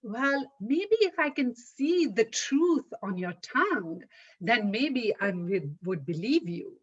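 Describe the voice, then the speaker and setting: Clever village wife in a folktale, soft and sweet-voiced, wary, played by a woman, slightly high, lo-fi. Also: sing-song, slow pace, slightly rough, heavily acted. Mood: coy. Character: clever young village woman, coy and guarded. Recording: dull lo-fi recording.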